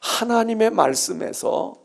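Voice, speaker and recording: A man's voice: high voice, lively intonation, unhurried, creaky. A male senior pastor giving a sermon-style Bible lecture in a church, conversational and emphatic, repeating his key phrases.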